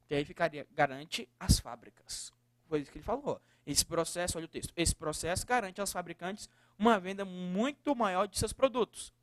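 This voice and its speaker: A man with a fairly high voice teaches an exam-prep grammar lesson. He asks questions and answers them himself, calling the viewer to pay attention. The recording is dry and close to the mic. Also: no echo. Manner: lively, asks and answers his own questions; keeps addressing the viewer directly.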